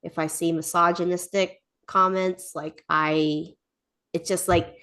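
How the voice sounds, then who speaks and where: A woman's voice: lowish voice, flat delivery, unhurried, a bit bright. A woman speaking casually and thoughtfully, with many "like"s and "um"s, raising a question in a group discussion. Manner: chatty, filler-heavy with frequent "like".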